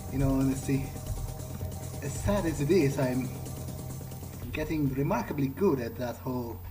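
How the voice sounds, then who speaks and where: A man with a mid-range voice plays through a video game in character, thinking out loud in short, hesitant bursts at a moderate pace. Game music plays behind him.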